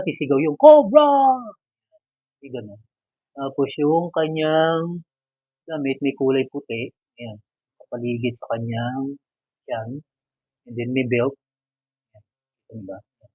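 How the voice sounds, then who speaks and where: A man's voice: medium pitch, breathy edge, no room sound, narrow, tinny audio. A man casually reviewing and unboxing an action figure, chatty and joking, with English words mixed into his talk. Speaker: toy reviewer.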